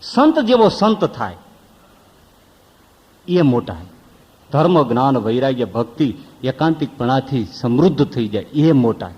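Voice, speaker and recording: A man's voice: mid-range voice, sing-song, unhurried, pauses often, husky. Man, monk's sermon, storytelling, long reverb, dull lo-fi. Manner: storytelling with acted voices, rhetorical questions.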